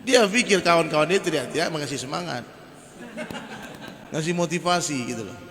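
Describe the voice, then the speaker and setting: A man preacher giving a lively, joking sermon full of stories, often turning to his listeners. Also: fairly high pitch, a little fast, noisy background. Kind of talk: humorous sermon with storytelling. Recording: reverberant hall.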